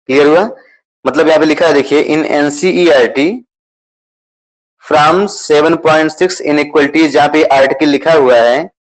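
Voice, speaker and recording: A man's voice: on the high side, rough recording. Male math teacher, patient and repetitive, mixing English terms into Hindi, checking in with the class often. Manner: repetitive, checks understanding with questions. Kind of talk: explaining a syllabus to students.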